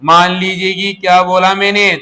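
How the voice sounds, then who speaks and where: A man's voice: high-pitched, monotone, moderate pace, bright, forceful tone. A male Hindi teacher in a classroom lesson, asking questions and answering them himself, repeating key words. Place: coaching classroom.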